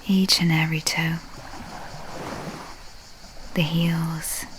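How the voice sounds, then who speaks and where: A woman guides a meditation in a low, very even voice, her soothing delivery soft and half-whispered. She leaves long pauses between phrases, and the background is noisy.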